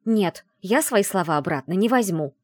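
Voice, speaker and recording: A woman's voice: on the high side, very animated, moderate pace, a little mellow, no echo, studio quality, pitched above the performer's own voice. A woman voicing a hot-tempered young witch heroine who speaks in a raised, defiant voice.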